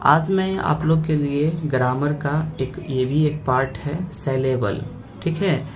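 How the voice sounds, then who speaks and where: A man teaching a grammar lesson. He breaks words into parts slowly and keeps checking in with "okay" after each point. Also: fairly high pitch, faint music behind.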